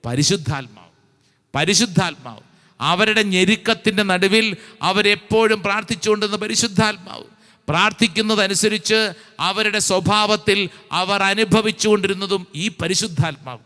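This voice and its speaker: A male priest delivers a charismatic retreat sermon in a high, bright and ringing voice. He presses his listeners with repeated rhetorical questions and slows to a deliberate pace when reading scripture. The sound carries the long reverb of a large hall. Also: steady tone. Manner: fervent, repetitive exhortation with rhetorical questions; reads scripture slowly and deliberately.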